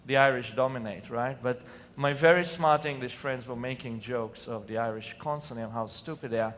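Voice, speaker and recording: Briskly and earnestly, a man from Israel shares personal stories with a conference audience from a lit stage in a large hall. His voice is medium-pitched and a bit bright, with an Israeli accent and occasional sudden emphatic bursts. Faint room noise and distant hall reverb are audible.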